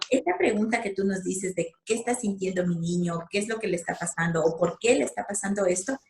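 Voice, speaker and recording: Woman host in an echoey room. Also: medium pitch. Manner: attentive, affirming, reflective follow-ups. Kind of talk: interview talk. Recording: echoey room with faint noise.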